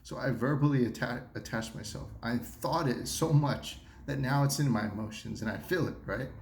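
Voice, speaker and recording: A man's voice: mid-range voice, normal speed, creaky. Guy doing an earnest self-help talk, keeps repeating and restarting, roomy echo, bit of hiss behind. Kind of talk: earnest motivational talk to camera. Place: seated at a table.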